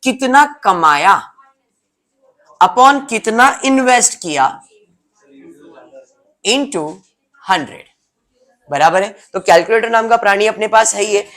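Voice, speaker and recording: A man's voice: high voice, a bit bright. A male teacher gives a classroom lecture, explaining step by step and teasing students by name.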